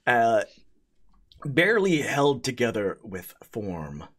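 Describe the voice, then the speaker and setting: A man working as game master, narrating an improvised tabletop game in a halting way, repeating words as he goes. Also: medium pitch, big pitch swings.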